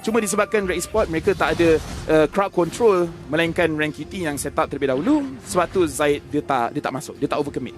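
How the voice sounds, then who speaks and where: A Malaysian man delivers esports caster play-by-play at a very quick clip. His voice sits high, his delivery is excitable, and there is faint music behind him.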